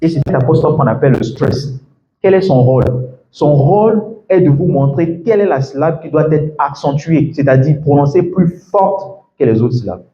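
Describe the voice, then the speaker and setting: A man coaching a class on English pronunciation in French, animated and acting out example phrases. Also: a little high, normal speed. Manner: animated, acts out example phrases, laughs often. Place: classroom or lecture hall. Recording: echoey room, dull lo-fi sound, faint noise.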